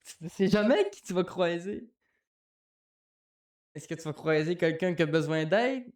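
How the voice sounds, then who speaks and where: Quebec French man, podcast co-host, high-ish voice, lively, swears a lot. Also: moderate pace. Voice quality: animated, swears a lot, laughs often. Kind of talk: casual chat.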